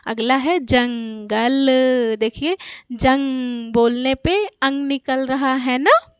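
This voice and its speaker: A woman giving a Hindi lesson, slowly drawing out each example word for the listener to repeat. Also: high-pitched, clean tone, dry recording, studio quality. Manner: drawn-out, slow enunciation of example words. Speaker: Hindi teacher. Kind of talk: teaching children's Hindi lesson.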